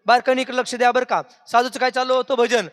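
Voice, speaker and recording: Preacher, high and bright, call-and-response, hall reverb. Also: male voice, flat delivery, fast talker, smooth. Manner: questioning the audience, singsong. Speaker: kirtan preacher. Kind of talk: devotional sermon with call-and-response.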